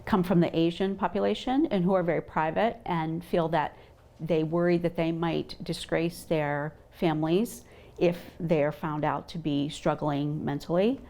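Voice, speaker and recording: A woman's voice: low-pitched, fairly even intonation, measured pace, dark tone. A woman working as a counselor, explaining things in unscripted, slightly hesitant interview answers. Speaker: university mental health counselor.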